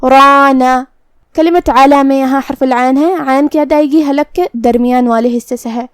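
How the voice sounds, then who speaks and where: A woman's voice: high voice, steady tone, mellow, no echo, clean studio sound. A woman teaching a recitation lesson, explaining pronunciation rules step by step in a patient, instructional way. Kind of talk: tajweed lesson with slow chanted recitation.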